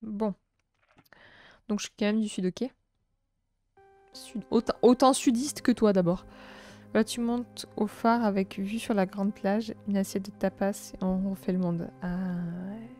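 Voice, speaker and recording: A young woman from south-east France, with a southern French accent, hosts a casual live stream and reads her chat. Her medium-pitched voice stays steady and gentle as she chats, full of fillers, hesitations and restarts. Soft music plays in the background.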